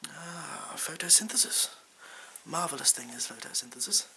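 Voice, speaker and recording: Man acting bumbling supply teacher, bright ASMR role-play. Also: on the high side, moderate pace, gravelly, full character voice. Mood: rambling. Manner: hesitant, rambling, stalling, deadpan asides. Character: bumbling male supply science teacher, evasive, unsure, self-important. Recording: hissy background noise.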